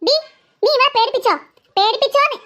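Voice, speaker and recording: A performer doing a stern impatient cartoon mom, scolding, very high-pitched voice. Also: a little fast, sharp tone. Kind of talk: cartoon voice acting.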